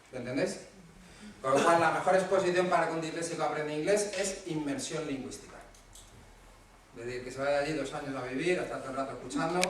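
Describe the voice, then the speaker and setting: A man with a Spanish accent from Spain, giving a casual lecture to parents and often checking in with his audience. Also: on the high side. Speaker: speaker at a talk for parents. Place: hall at a parents' association talk. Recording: very echoey room, mic far off, faint noise.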